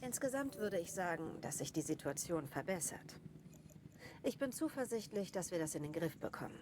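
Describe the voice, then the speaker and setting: An actress playing a composed, concerned park adviser in a video game, speaking in a measured, articulate, earnest way. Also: female voice, on the low side, sing-song. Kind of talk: scripted video game briefing. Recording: game audio under loud noise. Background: loud ambience and vehicle sounds.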